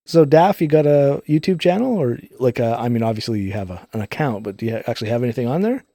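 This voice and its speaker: Male game streamer, casual and rambling, dark mellow tone, heavily compressed vocal, very dry studio sound. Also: medium pitch, expressive, fast talker, dry recording. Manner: rambling, explains technical details while playing. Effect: audio compressor on voice. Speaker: live-streaming gamer and host. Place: recording studio. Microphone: studio microphones through a multichannel input.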